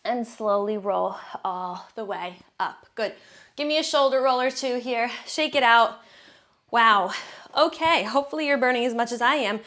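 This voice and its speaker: Breathy, encouraging female workout instructor. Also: fairly high pitch, normal speed, a bit bright. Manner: encouraging, counts reps and cues breathing. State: slightly out of breath from exercising. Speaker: fitness instructor.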